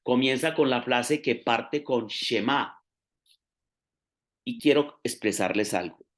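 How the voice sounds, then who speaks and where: A man's voice: medium pitch, slow. A man preaching a sermon, explaining step by step and stressing key phrases.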